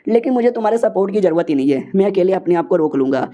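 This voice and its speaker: A man voicing a calm, confident young male hero who speaks in a cool, commanding way. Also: high-pitched, racing.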